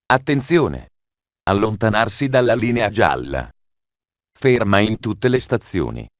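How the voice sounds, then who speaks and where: A man's voice making automated train station announcements, formal and measured, with phrases stitched together. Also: fairly low pitch, expressive, no echo.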